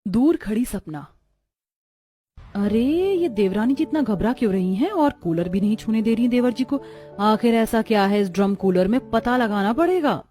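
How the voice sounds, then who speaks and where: A woman's voice: fairly high pitch, animated, moderate pace, mellow, close to an everyday voice. A woman voicing a jealous elder sister-in-law who mocks and snoops with sarcasm. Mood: suspicious muttering. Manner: taunting, sarcastic.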